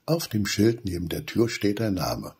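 Deep husky man reading a children's story. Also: normal speed. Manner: expressive, animated reading. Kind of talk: children's story read aloud.

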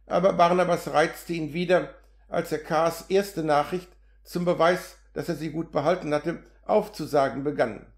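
A man reads a classic novel aloud in a measured, steady way, with a slightly high voice. The room around him adds a noticeable echo to every line. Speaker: audiobook reader. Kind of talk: literary audiobook narration. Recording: roomy echo.

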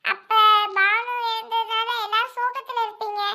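A high-voiced performer doing a young man on the phone. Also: little pitch movement, normal speed, sharp tone, full character voice. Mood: apologetic. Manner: pleading, explains in a rush with hesitant "ah"s. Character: young adult son phoning his mother, apologetic. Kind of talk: amateur voice drama.

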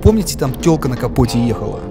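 Man, mid-range voice, casual jokey travelogue narration, clear music bed. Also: mid-range voice, sing-song, fast.

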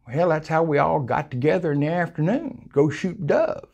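Speaking at a normal speed in a fairly high, animated voice, this older South Texas man spins a casual hunting yarn full of folksy color and acted-out quotes. His tone is darkish and creaky, and the lapel-mic recording from a small room sounds dull.

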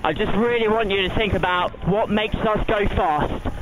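A man's voice: sits high, moderate pace. A man coxing a rowing crew from the boat, giving urgent, clipped, profane, commanding race calls. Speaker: rowing coxswain. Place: outdoors on a river, in a racing boat. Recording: clear wind and water noise from boat.

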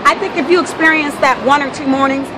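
Her voice is high and fairly even in intonation, and her pace is quick as this American resident confronts a protester outdoors on a city street near traffic. She argues and negotiates insistently, repeating herself and interrupting often. A handheld phone camera captured the noisy scene.

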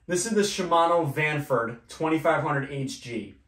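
A man's voice: fairly high pitch, normal speed. Young man chatting about gear in a roomy room. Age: young adult. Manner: relaxed, chatty, many fillers. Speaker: fishing channel host. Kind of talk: casual gear walkthrough. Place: small indoor room at a table. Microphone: far camera. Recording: roomy echo, voice far from mic.

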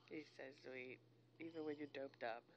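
A woman's voice: rumbling low, moderate pace, highs cut off, a little hiss or hum. A woman filming her partner after surgery, talking to him in a soothing, affectionate, teasing way, captured on an old camcorder's built-in mic. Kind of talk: casual home video chat.

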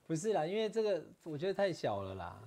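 A man's voice: on the high side, very animated, fast, mellow, slight background noise. A man with a Taiwanese Mandarin accent on a political talk show, throwing in joking, teasing quips. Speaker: political commentator.

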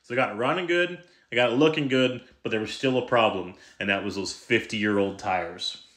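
A man narrating a truck build as a voice-over, relaxed and enthusiastic as he tells the story. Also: fairly low pitch, brisk. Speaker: truck builder and channel host.

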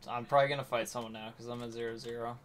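A man's voice: medium pitch, flat delivery, very fast, a little hiss or hum. A man chatting casually while recording his gameplay, dry and self-deprecating, with a mumbling delivery. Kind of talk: casual chat while playing.

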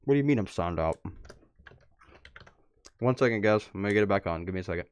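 This man's voice is lowish, a little mellow and clean, with lively intonation and a fast pace. He hosts an easygoing livestream indoors, reading posts off his computer and muttering asides to himself.

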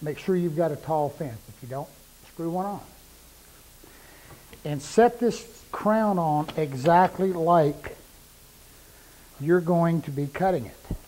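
A man's voice: a little high, slow, pauses often, darkish tone, rough recording. Plain-spoken middle-aged man teaching woodwork. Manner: plain-spoken, repeats points for emphasis, talks while working. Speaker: woodworking instructor. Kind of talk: hands-on shop demonstration. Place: woodworking shop with power saws. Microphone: lapel mic.

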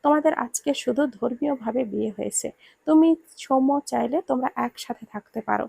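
A woman reading the lines of a calm, deadpan older brother-in-law who is quietly scheming, in a storybook reading. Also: high voice, a little fast, gravelly, slightly rough, dry recording, exaggerated voice. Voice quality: unbothered, dry delivery.

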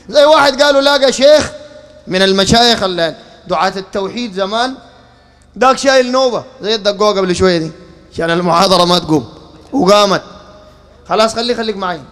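A man preaching to a gathered crowd in Sudanese Arabic, his voice pitched very high for a man. He speaks rhetorically, throws question after question at his listeners and keeps pulling their attention back to him. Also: brisk, long pauses, fairly bright tone. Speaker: preacher giving a public lecture. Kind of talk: public religious lecture.

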